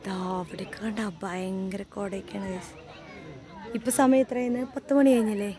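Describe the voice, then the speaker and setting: A woman's voice: medium pitch, a little fast, mellow. A young woman chatting casually to her travel vlog viewers, mixing in occasional English words. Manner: addresses viewers often, informal, mixes in occasional English words. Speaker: family travel vlogger. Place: in a car and outdoors on a road trip. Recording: noisy vehicle and outdoor ambience.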